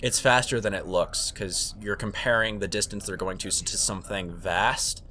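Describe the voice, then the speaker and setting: Bright-voiced joking man. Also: lowish voice, moderate pace, a little hiss or hum. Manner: jokey, explains with goofy comparisons. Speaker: podcast co-host. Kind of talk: casual chat.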